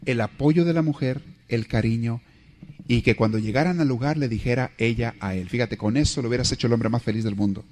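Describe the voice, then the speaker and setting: A man teaching a marriage class in a lively lecture. He jokes and acts out little scenes. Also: medium pitch, a little fast.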